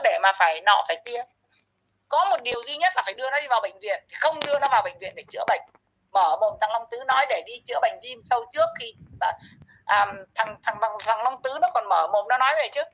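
A woman's voice: a little high, lively intonation, fast talker. A woman hosting her own channel, ranting and scolding someone who is not there in a harsh, insulting commentary monologue. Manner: scolding, insulting, addresses absent target directly. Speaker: channel host. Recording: muffled lo-fi audio.

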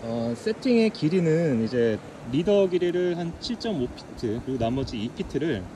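A man narrating his fly fishing outing in a relaxed, explanatory way, with frequent fillers. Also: fairly high pitch, moderate pace. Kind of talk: casual narration to camera. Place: riverbank outdoors and inside a car. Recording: outdoor camera audio with background noise.

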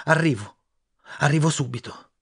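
A man's voice: a little high, moderate pace, slightly rough. Man voicing a desperate pleading young boy. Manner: urgent, pleading, shouting.

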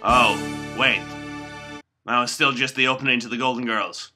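A man voicing Rico, a naive, self-important male puppet host, in a comedic puppet show with a raspy voice. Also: medium pitch, fairly even intonation, normal speed, over music, close to an everyday voice. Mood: dismayed. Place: indoor bedroom.

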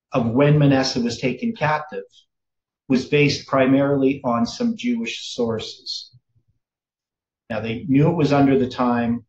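A middle-aged man giving a conversational teaching sermon over a webcam, pausing often with fillers and restarts. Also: mid-range voice. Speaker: Bible teacher. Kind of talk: teaching sermon with screen share. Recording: roomy, dull lo-fi sound.

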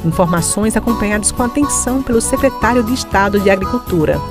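A woman TV reporter reads a scripted news voice-over. Her pitch is average for a woman, and loud music plays behind her. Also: expressive, fast. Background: loud background music.

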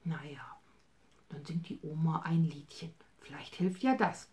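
An older woman from Germany, freely telling a children's story as a grandma, soft and often whispery. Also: sits low, unhurried, a little hiss or hum.

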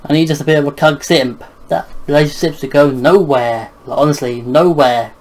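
A man reading a manga aloud and commenting on it casually, with offhand asides, chuckles and halting restarts. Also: fairly high pitch, a little mellow. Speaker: manga reader and reviewer.

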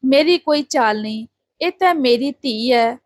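A grieving village father pleads through tears for help. A woman reads him in her own high voice. The sound is close and dry. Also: expressive, unhurried, no room sound. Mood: pleading. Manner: begging, tearful appeals.

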